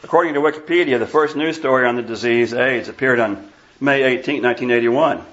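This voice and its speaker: A man's voice: medium pitch, a little fast, fairly bright tone, highs cut off. A pastor in his sixties from Iowa, preaching an emphatic, scornful sermon and bantering with the congregation. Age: 60s. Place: church sanctuary.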